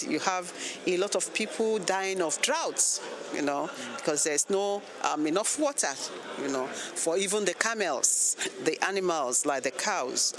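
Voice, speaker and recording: A woman with a Nigerian English accent, a teacher and NGO delegate, answering an interview in earnest, sometimes repeating words as she searches for them. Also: fairly low pitch.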